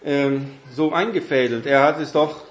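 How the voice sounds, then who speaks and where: A man giving a Bible teaching talk in a halting way, with many fillers and tag questions. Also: mid-range voice, roomy sound, a little hiss or hum. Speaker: preacher.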